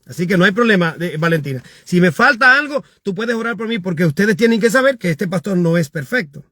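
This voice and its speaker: A man, a pastor, preaching emphatically and reading out viewer comments, rising to shouts on his key points. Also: high voice, expressive, a little fast, no room sound, studio quality.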